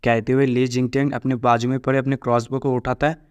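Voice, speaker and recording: A man narrating a story recap in a steady, even storytelling manner. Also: medium pitch, fast, clean tone, dry recording. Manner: flat, steady storytelling with quoted lines read plainly.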